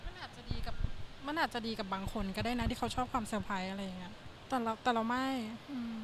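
A soft-spoken woman guest giving brief, measured answers. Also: fairly high pitch. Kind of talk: casual conversation. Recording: clear background noise.

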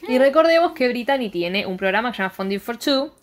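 A woman's voice: on the high side, fast. A young woman with an Argentine accent, chatting casually as a co-host, recapping with lots of swearing. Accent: Argentine Spanish. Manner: animated recapping, swearing freely. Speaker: podcast co-host. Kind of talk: casual chat.

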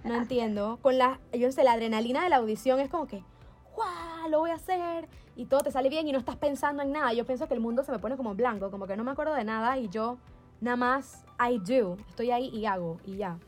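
Lively young woman from Panama telling stories. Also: fairly high pitch, fast, soft background music. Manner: animated storyteller, acts out quoted voices, laughs often. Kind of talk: casual storytelling chat.

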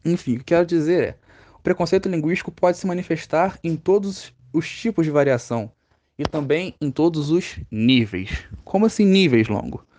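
A man from Rio de Janeiro, Brazil, with a Brazilian Portuguese accent, explains a lesson on a podcast as a teacher. His voice is a little high and a little mellow, at normal speed. He asks questions aloud and then answers them himself.

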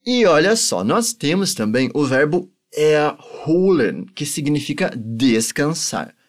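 A male language teacher with a native Portuguese background, who talks at an unhurried, deliberate pace. His pitch moves around a lot as he explains, and he patiently drills each phrase slowly for the listener to repeat. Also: very animated. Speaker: German teacher. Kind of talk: language lesson.

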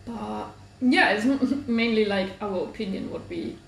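A woman's voice: medium pitch, unhurried, creaky. A woman co-hosting a casual podcast from a kitchen, chiming in with short remarks while eating. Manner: brief interjections, talking while eating. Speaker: podcast co-host. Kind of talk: casual chat. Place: home kitchen. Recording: echoey kitchen with faint background noise.

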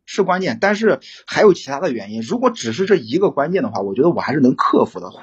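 Halting young man, husky muffled voice. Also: fairly high pitch, sing-song. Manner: rambling, halting, many restarts. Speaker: caller seeking relationship advice. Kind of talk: casual phone-in storytelling.

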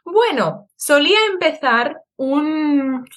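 An online Spanish teacher, born in Madrid and from Seville, speaks as a podcast guest in a high, animated but slow voice with a Spanish accent from southern Spain. Her tone is conversational and explanatory, and she corrects herself as she talks through the casual interview.

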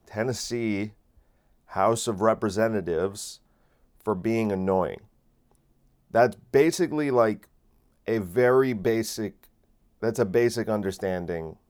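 A man's voice: on the low side, darkish tone. A man in his late twenties hosting a casual solo podcast, rambling with many fillers and restarts, recorded on a microphone. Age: late 20s. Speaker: podcast host. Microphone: phone camera and separate microphone.

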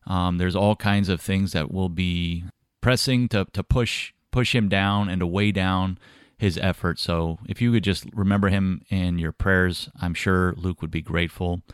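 A man hosts an interview podcast with a low, smooth voice. He asks his questions in an earnest, measured way. The recording is close and dry, with no room sound. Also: steady tone, dry recording. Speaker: podcast host.

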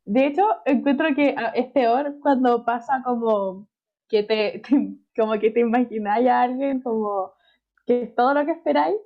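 A woman's voice: fairly high pitch, moderate pace. A young woman co-hosting a casual podcast, chatty and giggly, full of "como que" fillers. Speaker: podcast co-host. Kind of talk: casual chat. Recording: slightly dull lo-fi sound.

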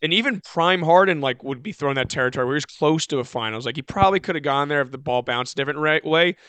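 A man's voice: a little high, fast talker, a bit bright, clean tone, no room sound. A man co-hosting a sports podcast, rambling in casual chat and often correcting himself as he goes. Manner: rambling, self-correcting, many "like" fillers. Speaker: podcast co-host.

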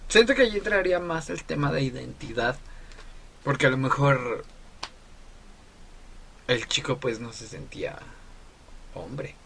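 A Mexican man in easy podcast conversation, his voice bright and mid-pitched. He talks his thoughts through as he goes, leaning on fillers while he looks for the right word. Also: a little slow, creaky, long pauses, slight background noise. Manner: chatty, thinks aloud with fillers. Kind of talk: casual podcast chat.

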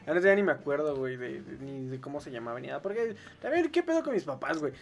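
A man's voice: a little high, big pitch swings, fast talker, creaky. A man with a Mexican accent in casual chat, joking and cutting in on the others. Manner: joking, interjecting.

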